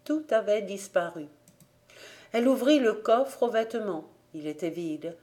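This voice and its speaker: A woman narrating a classic novel as an audiobook, her voice mid-pitched and even. She reads in a steady, measured way, letting each sentence land in turn. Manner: steady, measured literary reading. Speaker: volunteer audiobook reader.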